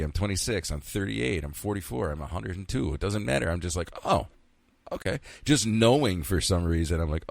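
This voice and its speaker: Rambling and candid, this central New York podcast host in his fifties runs his show alone, cursing freely and muttering to himself. He speaks in a low-pitched voice with vocal fry, and the recording has no room sound at all.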